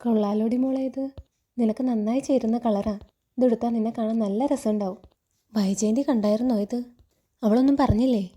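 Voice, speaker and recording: Woman reading kindly elderly grandma, dark mellow tone, a touch higher. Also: fairly even intonation, fairly quick, natural voice. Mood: fond reassuring.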